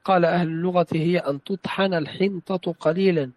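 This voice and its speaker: A man's voice: high voice, fairly even intonation, fast, a little mellow, dry recording, low-quality recording. A man reading a classical text aloud in a study session, carefully reciting and repeating phrases when corrected.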